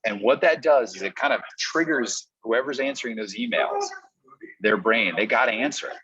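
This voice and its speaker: In dull, muffled lo-fi audio with no room sound, a man delivers a conversational podcast training session as a coach. His husky voice is expressive, pushed and bright at normal speed, and he explains step by step, acting out example pitches in quotes.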